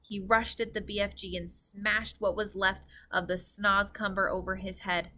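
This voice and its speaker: A woman with a mid-range voice reads a children's story aloud at a moderate pace, narrating expressively.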